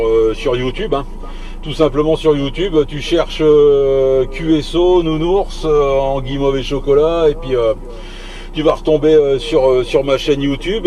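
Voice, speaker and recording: A man with a mid-range, dark-toned voice chats casually over CB radio while driving, hosting the channel. He sounds hesitant and keeps repeating himself. The noisy vehicle cabin and CB radio ambience come through as he rolls down the road.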